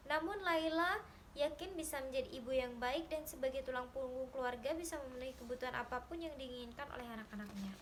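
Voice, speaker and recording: For a literature student's exercise, a young adult woman with a high voice reads a short story aloud quickly yet carefully and steadily, now and then stumbling and restarting. The recording is rough, with a faint hum of background noise.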